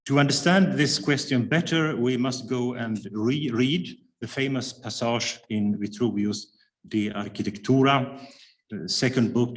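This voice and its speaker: Here a mid-range male voice delivers a measured academic lecture, his first language being Swedish. He sticks to a prepared text, speaking cautiously and frequently filling pauses with hesitations.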